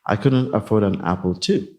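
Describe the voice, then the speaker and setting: A man in his fifties from Nigeria, a company executive answering interview questions in a measured, explanatory way. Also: fairly low pitch, a little mellow. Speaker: guest, company CIO. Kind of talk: casual interview.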